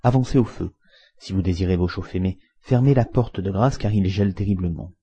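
A man voicing a middle-aged village blacksmith who talks briskly and impatiently. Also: deep voice, warm tone, slightly rough. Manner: brisk, exclaiming. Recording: muffled lo-fi recording.

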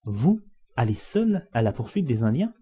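A man's voice: mid-range voice, very animated, moderate pace, dark tone, breathy edge. A man reading the part of an anxious, persistent police inspector who exclaims in agitation. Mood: agitated. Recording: dull lo-fi recording.

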